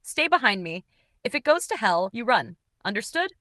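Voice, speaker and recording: Lady narrator doing an icy mafia boss, calm short orders, bright close voice. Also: fairly high pitch, normal speed, no echo. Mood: commanding. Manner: calm, commanding, clipped. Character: ruthless male mafia boss, cold and protective.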